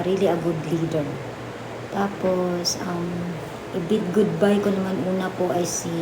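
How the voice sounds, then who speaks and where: Girl um-ing through her picks, lowish voice, echoey noisy room. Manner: hesitant, many fillers. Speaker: reality show housemate. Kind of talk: nomination confessional. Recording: echoey room with steady noise.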